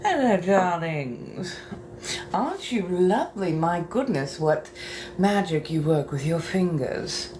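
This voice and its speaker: Lively intonation marks this woman's lowish, slow voice as she hosts a casual getting-ready livestream in a bathroom. Flirtatious and theatrical, she calls her viewers darling, with clear background noise behind her.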